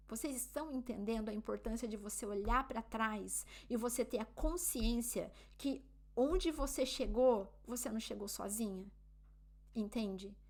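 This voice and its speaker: A Brazilian woman with a Brazilian Portuguese accent speaks casually to her vlog audience. Her voice sits a little on the high side, and her talk is chatty, with frequent little questions to keep the viewer with her. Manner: chatty, often asks the viewer "né?" and "entende?". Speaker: vlogger living abroad. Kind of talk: casual advice talk to camera.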